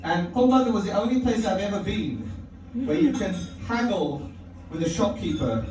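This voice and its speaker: On stage at an indoor comedy club, a Londoner delivers a stand-up set full of wry, profane humor, laughing at his own lines. He speaks at normal speed in a high, very animated, slightly mellow voice. The sound is echoey, far off, and carries slight background noise.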